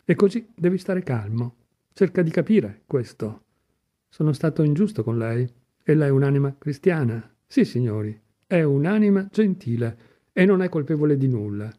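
Storybook part: a man doing a soft-hearted old police chief, coaxing and earnest, dark-toned voice. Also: on the high side, lively intonation, moderate pace. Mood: earnest fatherly. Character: older male police chief, fatherly, kind-hearted, agitated.

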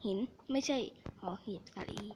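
Woman muttering gameplay commentary, noisy recording. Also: normal speed. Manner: mutters to herself, often in a half-whisper. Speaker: game streamer. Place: at home. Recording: noisy home recording with background hiss.

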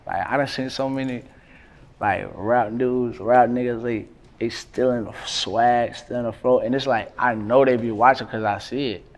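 A man, talking casually in an interview, relaxed and slangy with lots of fillers. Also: medium pitch, moderate pace. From North Carolina, USA. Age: 20s. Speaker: rapper, interview guest. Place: indoors by a brick wall.

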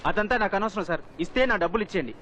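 An actor playing a stubborn train food vendor who insists politely on being paid. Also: male voice, sits high, rapid-fire, sharp tone, slight background noise. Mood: wary. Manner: insistent, respectful.

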